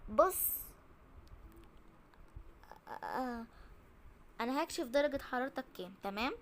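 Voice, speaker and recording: A woman's voice: sits high, expressive, normal speed, a little hiss or hum. A woman with an Egyptian accent voicing a flustered young female doctor in a game role-play, mock-serious and playful.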